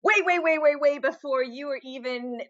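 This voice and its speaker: A woman's voice: high-pitched, normal speed, a bit bright, dull audio. A middle-aged woman from Argentina, a fitness competitor guesting on a podcast, chatting casually and telling stories with restarts and trailing asides. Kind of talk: casual interview chat.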